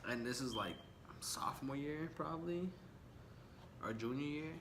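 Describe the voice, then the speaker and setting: A young man tells stories in a relaxed, slangy way, wandering off track and chuckling as he goes. He sits at a medium pitch. There is steady background noise in the room. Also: moderate pace. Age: young adult. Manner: laid-back, slangy and rambling, laughs often. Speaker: vlogger. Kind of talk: casual story time chat.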